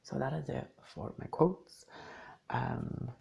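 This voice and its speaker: A man chatting in a gentle, reassuring ASMR style, sometimes half-whispering while he eats and sips a drink. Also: medium pitch, huge pitch swings, takes it slowly, creaky, husky. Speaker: ASMR creator. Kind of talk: soft-spoken ASMR chat.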